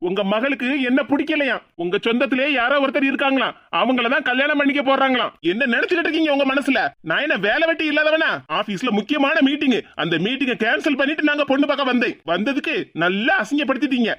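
A proud young groom speaks in rapid Kanyakumari Tamil, voiced by a woman. His cartoon voice sits a touch high and clipped. It is dry and close, with no room sound. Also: a bit bright, dry recording, muffled recording. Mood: angry. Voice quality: quick, indignant. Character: young man, proud office-working groom. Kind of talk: animated cartoon voice acting.

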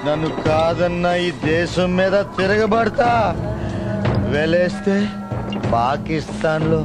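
An actor playing a bitter, betrayed outcast in a film melodrama, ranting in an embittered manner. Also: male voice, fairly high pitch, slow. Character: bitter, betrayed, outcast man raging at his country. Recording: film scene under loud music.

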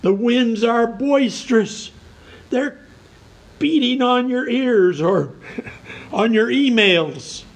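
A man preaching a sermon, reading scripture in a slow, earnest way. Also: extremely high pitch, expressive, rough recording. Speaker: pastor.

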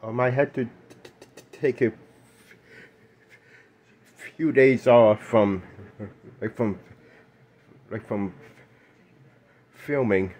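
A young man vlogging, halting and stammering through lots of fillers, shaken and upset as he rants, with angry outbursts. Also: medium pitch, muffled recording. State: shaking and upset. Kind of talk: casual rant to camera.

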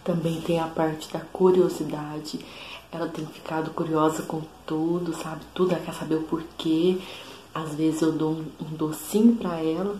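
Chatty Brazilian young mother, low mellow voice. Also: steady tone, normal speed. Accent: Brazilian Portuguese. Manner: chatty, says "sabe?" often, quotes her toddler in a higher voice. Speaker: mother vlogger. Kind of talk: casual talk to camera. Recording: echoey room with faint background noise.

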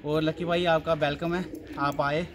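High-voiced man explaining his pigeons. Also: level tone, a little slow, background noise. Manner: patient, explains with examples. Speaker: pigeon keeper showing his loft. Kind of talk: casual explanatory chat.

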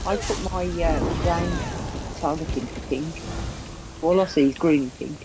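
A woman's voice: sits low, moderate pace. A woman chatting casually with her group during an online game. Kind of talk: casual gameplay group chat. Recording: very noisy game voice chat.

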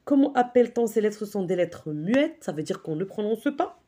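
A woman's voice: medium pitch, lively intonation, normal speed, mellow. A middle-aged woman teaching a primary spelling lesson with patience, checking in often with the class and with parents. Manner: patient, repeats "d'accord?".

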